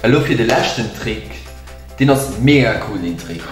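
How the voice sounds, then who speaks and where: This video co-host is a young man with a Luxembourgish accent whose mid-range voice has lively intonation and a moderate pace as he casually shares facts and tricks. The room echoes, and music plays behind him.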